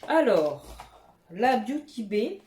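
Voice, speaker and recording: A slightly high, warm voice with big pitch swings and a slow pace belongs to a woman beauty vlogger doing a casual haul chat. She's at home beside her cat, gushing with exclamations and casual swearing, in an echoey room with faint noise.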